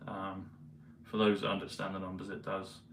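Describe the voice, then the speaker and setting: A man vlogging in a meandering, hesitant casual monologue full of pauses and fillers. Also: low voice, monotone, fairly bright tone, a little hiss or hum. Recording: roomy, mic at a distance, faint ambience.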